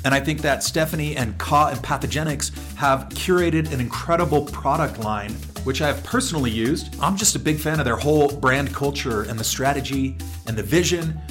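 A man's voice: medium pitch, normal speed, music in the background. A man hosting a podcast, speaking in an exuberant, slangy, upbeat way as he introduces and interviews. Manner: exuberant, slangy greetings sprinkled with foreign phrases. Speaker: podcast host.

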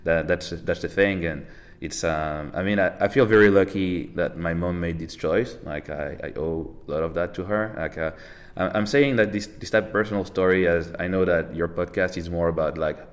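Guesting on a podcast, a tech entrepreneur from Paris, France talks in a very low voice at a normal speed. The casual interview chat finds him relaxed and rambling, with many fillers and restarts. Laughter comes readily to him.

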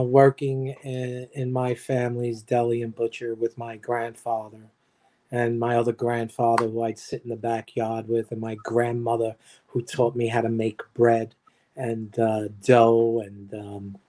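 An older man, a guest on a livestream, speaking in a halting way with many fillers. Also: medium pitch, warm tone. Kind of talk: conversational livestream talk.

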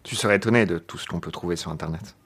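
A man's voice: deep voice, racing, fairly bright tone, breathy edge. A French man co-hosting a podcast, reading a novel aloud in a mock-dramatic way with joking asides.

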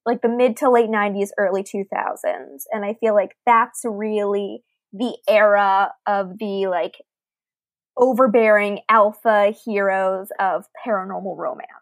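In a dry recording, a woman with a medium-pitched, fairly even voice speaks a little slowly. She co-hosts a podcast, reading listener email out loud and casually, articulately discussing books.

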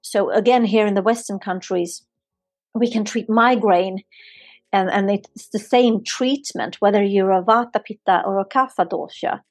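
A physiotherapist and yoga therapist from Sweden gives earnest, flowing podcast interview answers in a Swedish accent, often repeating herself to make a point. She speaks at a normal speed in a mid-range voice. The recording is dry.

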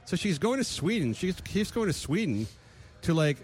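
A man co-hosting a casual comedic chat, animated and laughing often. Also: high-pitched, normal speed. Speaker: podcast co-host.

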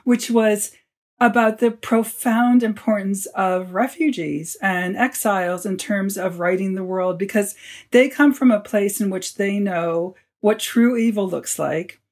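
A man's voice: sits high, fairly even intonation, measured pace. A man, an author, telling stories as a guest in an interview and acting out the lines he quotes. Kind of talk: storytelling in a podcast interview.

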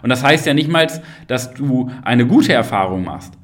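A man's voice: mid-range voice, animated, moderate pace. Emphatic man hosting a motivational podcast. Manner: emphatic, asks the listener rhetorical questions; addresses the listener directly with frequent tag questions. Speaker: podcast host and coach.

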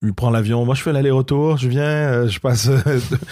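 The recording is dry and of studio quality, carrying a mellow, medium-pitched male voice at normal speed. He is a middle-aged Québécois comedian guesting in an easygoing interview, telling stories, acting out dialogue, and stumbling into many restarts and repeated words.

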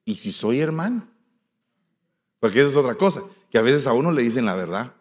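A man with a Guatemalan Spanish accent preaching as a pastor, telling folksy stories in an animated way, swinging between soft asides and loud exclamations. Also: mid-range voice, fairly quick. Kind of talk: storytelling sermon. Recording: long hall reverb.

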